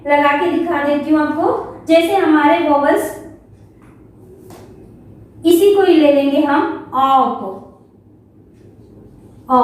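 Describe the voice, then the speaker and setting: A woman shorthand teacher giving a classroom lesson, slowly sounding out each vowel and repeating it. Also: high-pitched, heavy reverb, far from the mic. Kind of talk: classroom lesson, explaining step by step.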